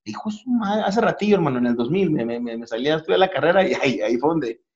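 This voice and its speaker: Fast-talking Mexican man hosting comedy chat. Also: on the high side, animated. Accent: Mexican Spanish. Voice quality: rapid, slangy, joking delivery. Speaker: host. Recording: dull lo-fi audio.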